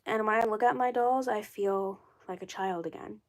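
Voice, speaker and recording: A doll collector in her twenties chats casually on a phone livestream, her medium-pitched voice froggy and hoarse from a cold. At a moderate pace she rambles, circles back, repeats herself, and at times sounds a bit defensive.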